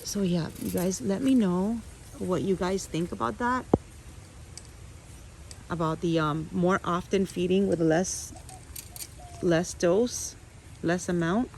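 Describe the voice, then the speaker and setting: On a windy morning in her outdoor orchid garden, a middle-aged vlogger chats to viewers as she walks, with restarts and asides. Her voice is lowish, creaky and darkish, and she takes it slowly with long pauses. The audio is poor, with slight background noise.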